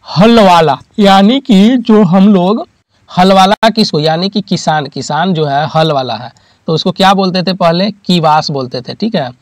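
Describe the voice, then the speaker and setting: A man teaches in a high, clear voice, and the recording is close and dry. He keeps asking listeners questions and then answers them himself. He repeats each key term, and his examples come from daily life. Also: normal speed, dry recording. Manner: uses homely examples, repeats key terms. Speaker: exam-prep teacher. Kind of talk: classroom lecture.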